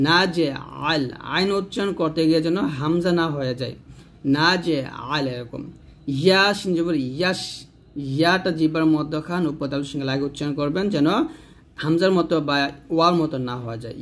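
A man with a slightly raised pitch teaches recitation in a patient classroom manner. He spells out letters and vowel marks one syllable at a time, stretching the sounds. He repeats his cautions about pronunciation again and again. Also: a little hiss or hum. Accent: Bangladeshi Bengali. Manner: slow, drawn-out syllable-by-syllable recitation with repeated warnings. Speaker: Quran reading teacher. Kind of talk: slow instructional spelling-out of letters.

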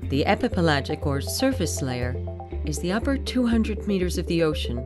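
A woman giving measured, scripted documentary narration as a voice-over. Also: deep voice. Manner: measured, explanatory. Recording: voice-over with music bed.

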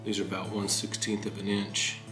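An older man hosting a woodworking channel, explaining history and then demonstrating at his workshop bench in a calm, unhurried way. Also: fairly low pitch, music in the background.

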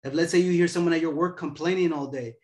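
A man's voice: a little high, fairly even intonation, quick pace, roomy sound. A man in his twenties giving a casual motivational talk as host, laid-back and profane. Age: 20s.

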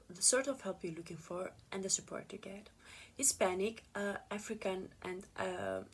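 A young woman reading a class presentation to a close phone camera, steady with small hesitations. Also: medium pitch, husky. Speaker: student presenter.

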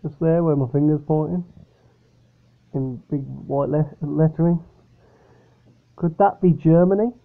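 A man's voice: fairly high pitch, fairly even intonation, unhurried, long pauses. A man casually reviewing a drink from his upstairs bedroom, rambling and hesitant. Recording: tinny, phone-like sound.

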